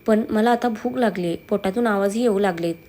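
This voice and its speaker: A woman's voice: mid-range voice, a little fast, a little mellow, natural voice. A woman voicing a pleading, pouty young wife with a childlike manner. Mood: hurt.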